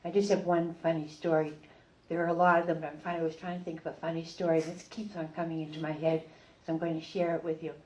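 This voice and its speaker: An older woman with a low voice, a retired reading teacher, tells a fond story about her school days. Her words ring with the echo of a large room, and a faint hum sits underneath. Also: level tone, quick pace, darkish tone, highs cut off. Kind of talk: reminiscing talk at a community gathering. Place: library meeting room. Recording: roomy echo.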